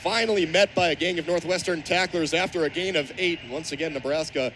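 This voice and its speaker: Calling college football live on the radio from an outdoor stadium, a twenty-something American man talks fast in a fairly high, fairly bright voice. Ambient crowd and field noise fill the outdoor broadcast.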